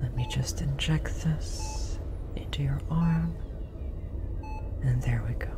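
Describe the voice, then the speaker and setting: Slow and mid-range, the performer's voice carries a soothing, gentle mood as the tall, apologetic alien researcher reassures an abducted captive with soft, hesitant earnestness. It's a roleplay audio drama with a comforting delivery, recorded with audible background noise and a beeping monitor.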